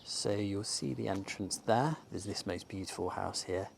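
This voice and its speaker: Speaking at normal speed in a fairly low, creaky voice, a man from England chats enthusiastically with frequent ums, his voice slightly going. The bookshop owner and vlogger holds a camera on himself while walking up a sunny outdoor shopping street for a casual walking-tour vlog. A little hiss or hum sits under faint street ambience.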